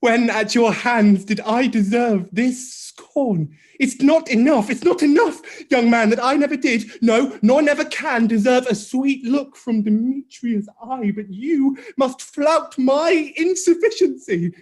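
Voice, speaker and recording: A woman's voice: on the high side, unhurried, few pauses, a little mellow. A woman reading the part of Helena, a lovesick young woman, in pleading verse recitation. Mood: hurt. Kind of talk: amateur Shakespeare reading.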